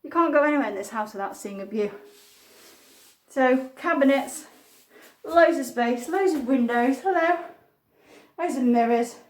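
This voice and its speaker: A high-pitched woman leads a property tour with chatty enthusiasm, talking straight to the viewer. She sounds slightly out of breath from wearing a mask. The recording comes from a handheld phone, moving between rooms and the garden. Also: animated, measured pace. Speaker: estate agent. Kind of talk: walk-through property tour. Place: house and garden, indoors and outdoors.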